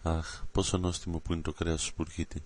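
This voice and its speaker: A man's voice: sits low, little pitch movement, natural voice. Man doing a mumbling gluttonous dim boy. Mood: dreamy. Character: dim-witted gluttonous boy, always hungry.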